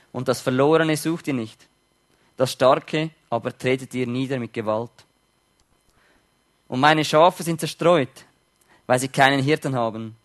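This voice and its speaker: This is a male preacher, his voice sitting a little higher than most men's. He reads Bible passages in a slow, hushed way and then retells them in casual, conversational language. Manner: reads scripture slowly and softly, then paraphrases in plain everyday speech. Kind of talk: sermon with Bible reading.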